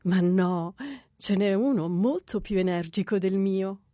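A man's voice: high-pitched, dry recording, clean studio sound, voice pushed up. A man doing a cool, composed young governess. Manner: calm, measured, slightly ironic.

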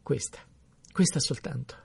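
A man's voice: measured pace, no room sound, far from the mic, close to an everyday voice. A man voicing a hesitant young wife. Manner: hesitant, soft-spoken. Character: anxious young wife wanting finery.

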